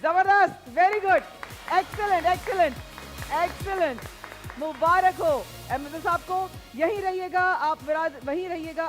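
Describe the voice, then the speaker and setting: A woman hosting a prize show on a TV studio set, lively and mixing in English phrases as she directs her guests. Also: sits high. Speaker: game show host.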